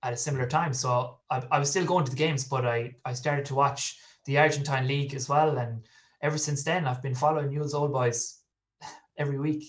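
Irish guy from out west, galway sort of accent, mid pitched voice, chatting away on a podcast as a guest. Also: fairly even intonation, brisk. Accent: west of Ireland. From Galway, west of Ireland. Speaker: podcast guest, football fan. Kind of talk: casual interview chat, telling personal stories.

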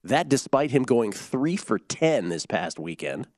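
A man's voice: medium pitch, sing-song, measured pace, a little mellow, no room sound, clean studio sound. A man co-hosting a sports betting show, chatting casually and joking while he rattles off scores, odds and team news.

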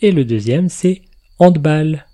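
A man's voice: a little high, animated, slow pace, mellow. Chatty man hosting a podcast. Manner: chatty, laughs at his own remarks. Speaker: podcast host. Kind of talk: casual explanatory chat.

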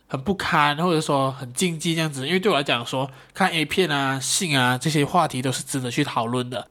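Young male podcast host; lively, self-mocking storytelling; fairly high voice. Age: young adult. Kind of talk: casual solo podcast storytelling.

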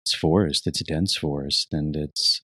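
Deep, dry-voiced thoughtful man. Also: steady tone, measured pace, slightly rough, dry recording. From United States (Virginia). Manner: soft-spoken, thoughtful, frequent restarts and fillers. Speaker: interviewee, retreat program teacher. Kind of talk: reflective interview answers.

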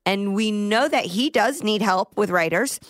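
A woman's voice: mid-range voice, no echo, clean studio sound. Playful woman hosting a podcast. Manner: playful, quick banter with frequent laughs. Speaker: podcast host. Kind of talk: casual chat. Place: podcast studio.

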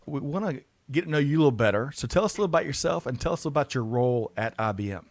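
A man's voice: medium pitch, animated, very fast, no room sound. A man co-hosts an interview in a dry, close recording, asking questions politely and stepping in to steer the talk. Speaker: interview co-host. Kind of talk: conversational interview.

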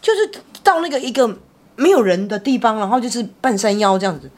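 A middle-aged woman, telling a personal story in casual chat. She talks in an animated way, with many restarts and repeated words. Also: a little high, fast. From Taiwan. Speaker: podcast co-host, mother.

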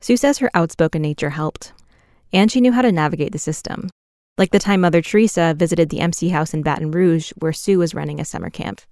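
A woman narrating a documentary podcast in a scripted, measured way. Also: sits low, a little mellow, dry recording, studio quality.

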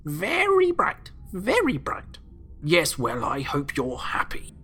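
A man reading a storybook voices a fussy, petty little yellow bird with a breathy, stammering, huffy manner. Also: on the high side, huge pitch swings, slow pace, voice pushed up, exaggerated voice.

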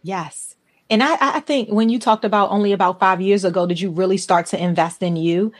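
A woman's voice: medium pitch, a little fast. A woman in her forties hosts a podcast conversation. She speaks earnestly and with emphasis, in an ordinary mid-range voice. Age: 40s. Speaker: podcast host. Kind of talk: conversational interview.

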